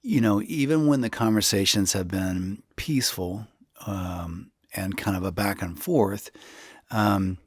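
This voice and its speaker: A man's voice: lowish voice, measured pace, no room sound, clean studio sound. A man co-hosting a casual podcast, rambling a little with restarts, his voice throaty from allergies. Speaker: podcast co-host.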